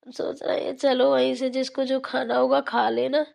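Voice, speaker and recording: A woman playing a gravelly, coaxing old mother-in-law. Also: sits high, little pitch movement, moderate pace, a little mellow. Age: older. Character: older village mother-in-law, caring and coaxing. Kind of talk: cartoon voice acting.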